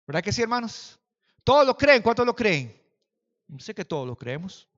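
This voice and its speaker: A man pastor with a strikingly high, bright voice preaches an impassioned sermon that swells from hushed lines into shouted calls. He keeps asking the congregation to raise their hands and repeat after him. The sound is muffled and carries a long echo from a large church hall. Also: big pitch swings, normal speed.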